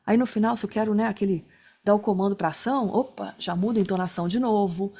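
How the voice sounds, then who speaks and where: A woman giving a relaxed online lesson, talking through her method in a chatty way. She keeps checking in with her listeners as she goes, and her voice sits at an ordinary middle pitch. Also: fast, husky. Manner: chatty, many fillers like né and tá. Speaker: instructor. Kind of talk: casual online class talk.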